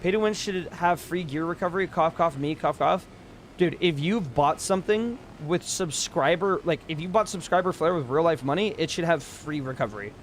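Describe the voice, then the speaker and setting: A man's voice: a little high, fairly quick, hardly any pauses, a little hiss or hum. A young man live-streaming a game, ranting casually and emphatically, swearing freely.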